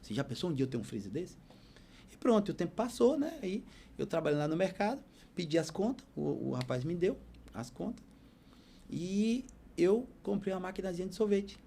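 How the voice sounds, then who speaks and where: Podcast guest, man, fairly high yet mellow voice, emotional preacherly storyteller. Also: big pitch swings, a little fast, vocal fry, a little hiss or hum. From Bahia, Brazil. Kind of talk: storytelling testimony.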